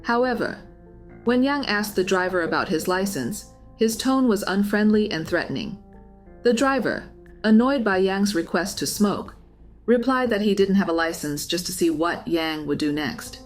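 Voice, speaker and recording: A woman narrates in a scripted documentary style. Her pitch sits in the middle range, and faint music plays beneath her voice throughout. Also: expressive, moderate pace.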